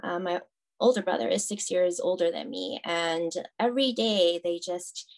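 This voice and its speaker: A woman in her thirties, a guest on a podcast, speaks in a fairly low voice for a woman. She talks in a soft, chatty way, full of fillers and small laughs. She comes from Taiwan. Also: normal speed. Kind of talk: casual interview conversation.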